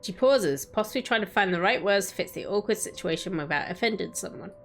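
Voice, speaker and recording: A woman's voice: mid-range voice, lively intonation, a little fast, slight background noise. A woman streamer reading a story aloud in a dramatic narrating style. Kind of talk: dramatic story narration with casual chat asides. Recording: background music under the voice. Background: quiet music.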